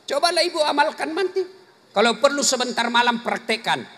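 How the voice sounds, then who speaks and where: A male preacher with a very high voice and lively intonation talks briskly through a jokey, teasing sermon before a live congregation. He shifts between quiet asides and shouted punchlines. The setting is a large hall or mosque, recorded live with long reverb and faint crowd ambience.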